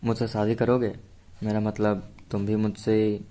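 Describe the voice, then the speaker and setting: A man's voice: on the low side, level tone, measured pace, dark tone, faint music behind, natural voice. A man voicing a cheerful young woman who is in love and gets flustered easily. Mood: shy.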